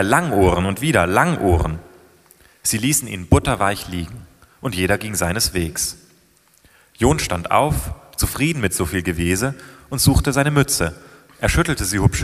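A man narrates a tale in a calm, measured storytelling voice. His voice sits low, and a long reverb trails after his words as if in a large hall. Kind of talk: read-aloud story narration.

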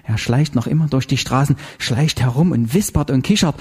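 A man's voice: big pitch swings, normal speed, dark tone, slightly rough. A man reading an audiobook voices a hysterical, bloodied older woman who rants frantically about a demon. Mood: frantic. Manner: shrill, frantic, hissing. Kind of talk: audiobook character voice.

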